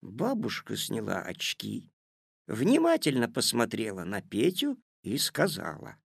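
A man narrating a children's story, unhurried and expressive. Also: medium pitch, gravelly, slightly rough, no echo, clean studio sound. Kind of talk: storybook reading.

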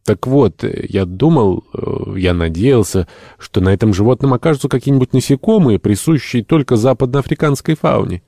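A man's voice: medium pitch, normal speed, mellow, dry recording, studio quality, pitched above the performer's own voice, lightly acted. A man voicing an irritable, eccentric middle-aged male entomologist who speaks in a fussy, pedantic, indignant way, raising his voice.

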